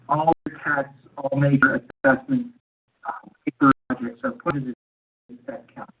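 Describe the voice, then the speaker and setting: A man's voice comes through a tinny conference-call phone line that garbles and breaks up. His tone is gravelly and husky, with lively rises and falls, as he presents haltingly with frequent fillers. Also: a little high. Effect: garbled dial-in line breaking up. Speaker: teacher and trainer presenting. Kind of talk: webinar presentation.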